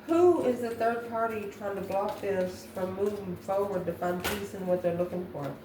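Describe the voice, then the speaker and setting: A woman with a medium-pitched voice speaks at a normal speed, giving an improvised tarot reading. She muses aloud, often posing questions and then answering them herself. The recording has a roomy echo and faint background noise.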